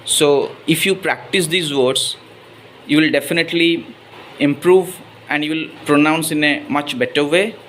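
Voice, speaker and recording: A man's voice: a little high, measured pace, fairly bright tone, slight background noise. A man from Odisha with an Odia accent and Odia as his first language, giving a spoken English pronunciation lesson and mixing in Hindi. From Odisha, India. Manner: mixes Hindi into English, repeats "right?". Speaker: English teacher.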